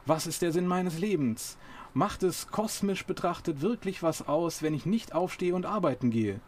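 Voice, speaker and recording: Man acting out a crowd-rousing cheerleader, loud, proclaiming, high and excited, radio reading. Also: a little slow. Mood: exalted.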